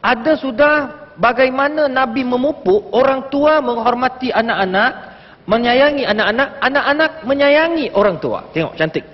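High-voiced man, animated religious talk. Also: moderate pace. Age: late 30s. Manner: animated storytelling, addresses the audience. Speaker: religious forum panelist. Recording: dull, echoey hall broadcast sound.

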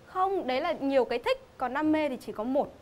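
A woman's voice: high voice, expressive, a little fast, darkish tone. A young woman bantering in a forthright way as a game show contestant. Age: young adult. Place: TV studio stage. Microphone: lapel mic.

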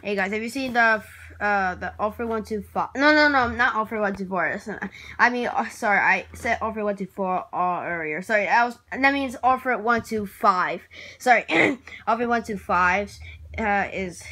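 Bright-voiced, hesitant woman vlogger. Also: mid-range voice, moderate pace. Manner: hesitant and rambling, repeats and restarts words, keeps clearing throat and apologizing. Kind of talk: casual vlog talk while working at a computer.

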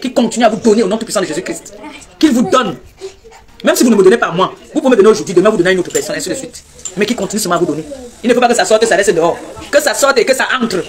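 A woman hosting a live stream, teasing her viewers and reeling off repetitive, mock-preaching blessings in a loud voice. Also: medium pitch, lively intonation, racing. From Cameroon.

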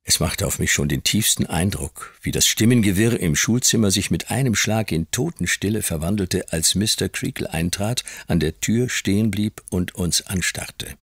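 A man narrating a classic novel in the first person as an audiobook reader, calm and measured. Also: sits low, vocal fry, no echo, clean studio sound. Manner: calm storytelling.

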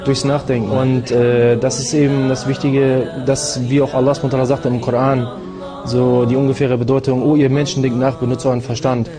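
A man in his thirties giving an earnest personal testimony, pausing with fillers, speaking into a handheld mic indoors. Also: mid-range voice. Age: 30s. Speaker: interviewee.

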